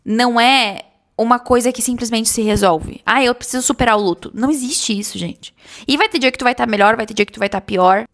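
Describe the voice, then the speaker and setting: Woman, slightly high voice; earnest, gentle vlogger talking straight to her audience. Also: a little fast. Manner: earnest, reassuring, addresses viewers as "gente". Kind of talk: heartfelt talk to camera.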